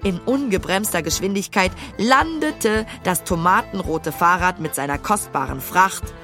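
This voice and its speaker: A woman narrating a children's storybook in an expressive storytelling manner. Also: lowish voice, a little slow, over music. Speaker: audiobook narrator.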